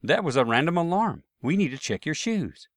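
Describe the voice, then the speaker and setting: A chipper, overly upbeat airport security agent woman, put on by a man telling his story. She is lifted a bit higher than his usual voice and sounds dry and close to the mic. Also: sing-song, normal speed, dry recording.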